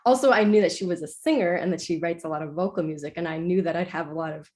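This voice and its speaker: Young woman from Iceland, composer guest, somewhat low voice, rambling casual answers. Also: fast talker, darkish tone. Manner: chatty, many "like"s and self-corrections. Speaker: composer being interviewed.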